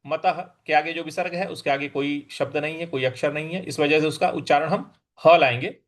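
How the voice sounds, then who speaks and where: A man teaching scripture recitation, chanting verses slowly and drawn out, then explaining pronunciation in quick asides. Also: on the high side, fairly even intonation. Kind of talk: recitation lesson.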